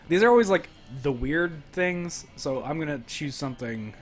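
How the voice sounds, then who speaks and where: Lively, playful man reading game text. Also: on the high side. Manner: joking, playful, breaks into laughter. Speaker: streamer and game narrator. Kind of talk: reading game text aloud on a live stream.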